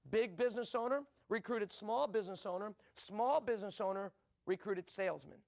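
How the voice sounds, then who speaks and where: A middle-aged American man gives a motivational business talk in a high, gravelly, slightly mellow voice. As a business speaker, he hammers home his points with rhetorical questions and quick, punchy repeated lines.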